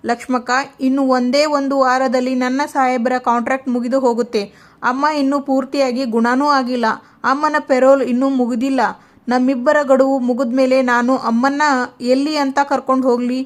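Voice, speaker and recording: A woman's voice: high-pitched, flat delivery, normal speed, close to an everyday voice. A woman voicing an earnest young wife. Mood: confiding. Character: young newly married woman, troubled and in love.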